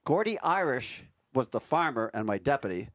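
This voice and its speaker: A man's voice: medium pitch, very animated, normal speed, fairly bright tone, no room sound, studio quality. An older man, a retired game warden, telling salty, laid-back stories in casual conversation. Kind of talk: casual storytelling.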